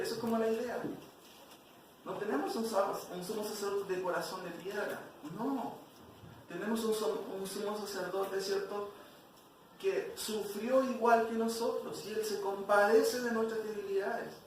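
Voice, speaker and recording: A high-voiced man leads a Sunday school Bible class and keeps asking his listeners questions. He sounds distant in a very echoey church hall, with steady noise behind him. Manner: questions the class, frequent "¿cierto?".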